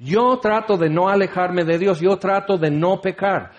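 A man's voice: sits high, a little slow, muffled recording. A man preaching a conversational sermon, full of rhetorical questions and playful asides.

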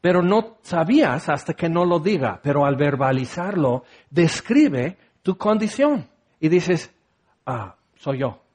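Man, preacher, high voice, conversational sermon, rhetorical questions. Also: big pitch swings, unhurried, darkish tone. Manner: conversational, acts out listeners' replies, asks rhetorical questions.

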